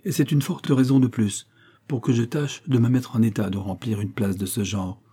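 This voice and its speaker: A man reading aloud voices a timid, polite, bookish young woman who speaks gently and pleads with her aunt. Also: mid-range voice, steady tone, normal speed, breathy edge, natural voice.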